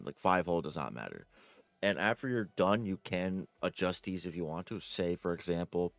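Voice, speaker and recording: Deep-voiced man giving a rambling game tutorial. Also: dry recording. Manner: rambling, self-correcting, says "like" and "uh" often. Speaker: gaming guide creator. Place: home room.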